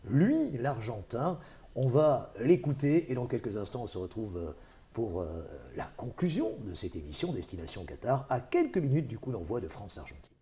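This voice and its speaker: A man's voice: medium pitch, very animated, normal speed, warm tone. A man hosting a local TV talk show, introducing guests and steering the discussion. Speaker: TV host. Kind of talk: live studio talk show.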